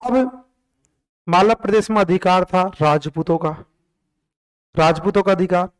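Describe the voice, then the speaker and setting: A man, lecturing a class in an exam-prep style. He fires short questions and has the answers repeated back in a steady drill. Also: high-pitched, a little slow. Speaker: teacher.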